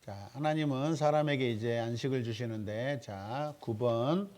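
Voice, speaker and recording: A man in the role of pastor teaches a Bible study seminar at a church and draws his audience in. He puts questions to the room, waits for the answers and echoes them back. His voice sits at an ordinary middle pitch for a man. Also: a little slow, darkish tone. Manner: asks the audience questions and repeats their answers.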